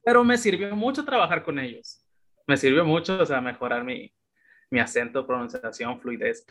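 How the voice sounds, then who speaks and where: A man in his thirties with a Mexican accent, a guest telling his story in a relaxed, chatty way with plenty of fillers. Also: mid-range voice, normal speed. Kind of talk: casual interview chat.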